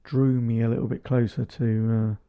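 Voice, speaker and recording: Man, 30s, podcast co-host, teasing jokester, middle pitch, muffled audio. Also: little pitch movement, moderate pace, smooth. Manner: joking, teasing. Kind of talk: casual couple chat.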